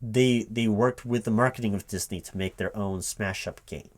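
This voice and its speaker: A fairly low-pitched man voices a recruiting manager in a one-sided interview roleplay, speaking haltingly with a puzzled air. He tends to repeat what he's told, framed as questions.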